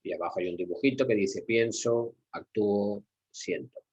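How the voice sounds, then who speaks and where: A man's voice: on the low side, moderate pace, darkish tone, husky, lo-fi sound. A middle-aged man from Spain with a Spanish accent, lecturing at a workshop for security staff, repeating key words and asking rhetorical questions. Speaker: security trainer.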